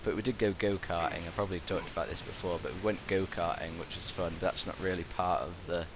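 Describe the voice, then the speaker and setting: A young man with a British accent and a low voice rambles casually through a commentary. He speaks hesitantly and meanders from thought to thought on a headset mic, with a steady buzz and hiss behind him. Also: quick pace. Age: young adult. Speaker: gaming video commentator, university student. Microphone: gaming headset. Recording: constant buzzing, hissy background noise. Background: constant buzz and hiss.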